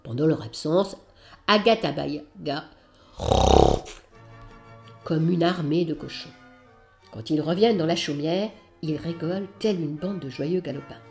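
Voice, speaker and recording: A woman narrating a children's storybook aloud in an expressive, lively way. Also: low-pitched, a little slow, vocal fry, long pauses, faint music behind.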